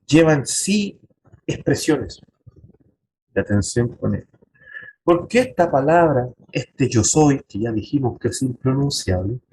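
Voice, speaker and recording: Pastor teaching his church, a man of middle pitch, emphatic and direct, faint hiss and clicks behind him. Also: darkish tone, poor audio. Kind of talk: church Bible lesson.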